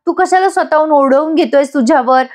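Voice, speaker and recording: A woman's voice: high voice, brisk, darkish tone, voice pushed up, close to an everyday voice. A woman voicing a teasing young wife who bickers with her husband and mother. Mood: bickering. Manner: bickering, sarcastic retorts.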